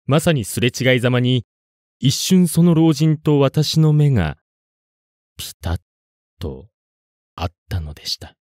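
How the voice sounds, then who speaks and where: A man narrating a scripted ghost story in a suspenseful, dramatic way, with deliberate pauses. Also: mid-range voice, animated, darkish tone, dry recording, studio quality.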